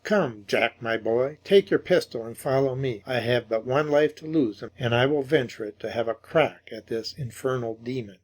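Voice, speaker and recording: A man voicing a bold, skeptical young man in a ghost story, speaking forcefully and commandingly. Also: medium pitch, normal speed, few pauses, lightly acted. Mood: defiant.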